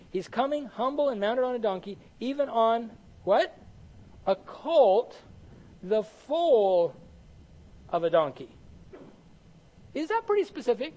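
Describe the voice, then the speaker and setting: A man preaching a Bible study sermon, animated and conversational, often asking the congregation questions and answering them himself. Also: very high-pitched, highs cut off. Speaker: pastor teaching Bible study.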